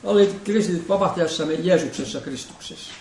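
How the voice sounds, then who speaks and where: A man preaching a sermon, reading scripture in a solemn, measured liturgical manner. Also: on the high side, a little mellow, distant mic, a little hiss or hum. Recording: echoey room, voice from off-mic.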